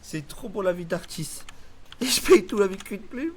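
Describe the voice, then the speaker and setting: A man chats on his live stream with a high, bouncing voice, loud and teasing, cursing freely. His pitch swings widely from line to line. Steady noise sits underneath the recording. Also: moderate pace. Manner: loud, teasing, swearing banter. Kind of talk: casual live-stream chat.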